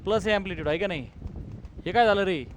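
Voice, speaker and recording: A high-voiced man with a Marathi accent leads a physics class and drills his students with rapid questions. He keeps urging them to answer fast and calls them "beta." Faint traffic hums in the background. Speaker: physics teacher.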